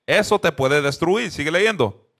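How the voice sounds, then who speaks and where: A man teaches a Bible lesson in an animated, conversational way. His voice sits a bit high, and he keeps checking in with his listeners. He slips English fillers into his speech. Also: measured pace. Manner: drops English fillers into Spanish.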